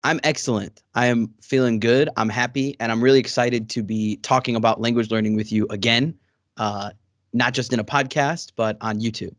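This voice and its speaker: A man hosts a casual interview over a video call, sounding friendly and rambling, with plenty of fillers. His medium-pitched voice is steady, a bit bright, and at normal speed. A studio microphone gives clean sound with no echo.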